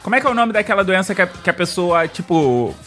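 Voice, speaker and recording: A man's voice: sits high, big pitch swings, fast talker, a bit bright, faint music behind. A Brazilian man co-hosting a podcast, chatty and laughing in casual talk over a video call. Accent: Brazilian Portuguese. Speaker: podcast co-host. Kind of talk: casual chat.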